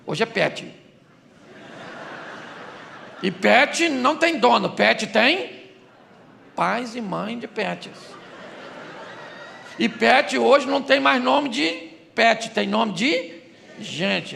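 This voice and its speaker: A man's voice: very high voice, vocal fry, bright, forceful tone, slight background noise. A man preaching a humorous sermon as a pastor, in Brazilian Portuguese, joking and asking the crowd questions.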